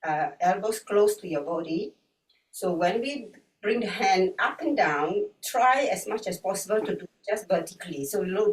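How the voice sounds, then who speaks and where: A woman guiding an online breathwork and yoga class in an unhurried, gently instructive way. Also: on the low side. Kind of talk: guided online class instruction, with chanted mantras. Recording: roomy echo, distant from the mic.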